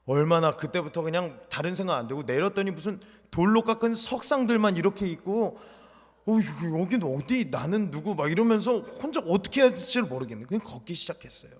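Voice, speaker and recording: A man's voice: sits high, animated, fairly quick. Young male junior pastor, personal-testimony sermon, big dynamic swings, long church reverb. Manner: storytelling testimony, swinging between loud and hushed. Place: church sanctuary.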